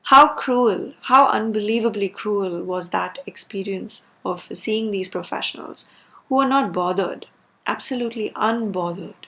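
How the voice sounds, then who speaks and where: A woman's voice: mid-range voice, moderate pace, fairly bright tone. A woman delivering a personal rant as a video creator, speaking emphatically and repeating words for stress.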